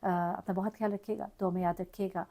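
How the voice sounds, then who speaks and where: A woman's voice: medium pitch, flat delivery, fast, warm tone. Woman, earnest, grieving, hesitant, news commentary. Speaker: news vlogger.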